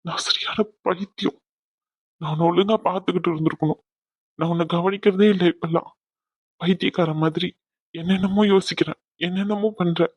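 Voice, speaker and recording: A woman playing a soft-spoken young husband in an audio drama, talking gently and pleading with emotion. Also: lowish voice, fairly even intonation, a little slow, long pauses, slightly rough, no echo, dull audio. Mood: tearful, remorseful. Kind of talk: Tamil audio drama acting.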